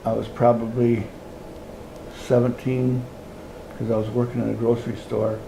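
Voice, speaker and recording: A man's voice: mid-range voice, little pitch movement, normal speed, gravelly. An older man co-hosting a casual chat, mostly giving short interjections and dry remarks. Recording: roomy sound with faint background noise.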